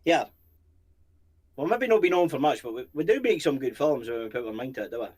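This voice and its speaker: A man's voice: medium pitch, animated, a little fast, darkish tone. A Scottish man co-hosting a paranormal channel, chatting casually in a rambling, jokey way and swearing freely. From Scotland. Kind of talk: casual chat.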